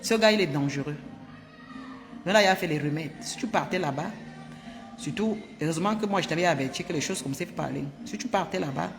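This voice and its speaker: Fast-talking woman, echoey room. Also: low-pitched, creaky, over music. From Cameroon. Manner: animated and emphatic, with frequent repetitions. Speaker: vlogger. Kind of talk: casual storytelling to viewers.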